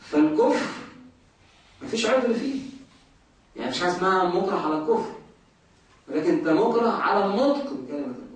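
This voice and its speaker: Fast-talking Egyptian man lecturing in an echoey room. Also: sits high, lively intonation, recorded from a distance. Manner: asks the class questions and answers them himself. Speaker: teacher of Islamic jurisprudence. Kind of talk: lecturing a class.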